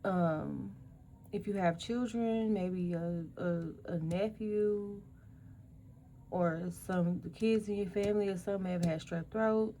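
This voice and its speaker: There's slight background noise as a woman with a mellow, mid-range voice hosts a spiritual energy reading. She goes haltingly, listing single words between pauses and fillers. Her voice is fading, and she clears her throat repeatedly.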